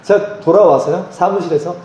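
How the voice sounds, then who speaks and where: A middle-aged male pastor telling a personal story during a sermon, with animated, laughing delivery. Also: high voice, fairly quick. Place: church sanctuary. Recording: echoey church hall.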